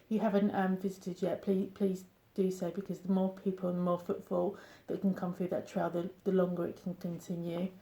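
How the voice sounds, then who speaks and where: Brief: woman hosting an interview, mellow gravelly voice, encouraging and upbeat, echoey room. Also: lowish voice, flat delivery. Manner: upbeat, encouraging, quick responses.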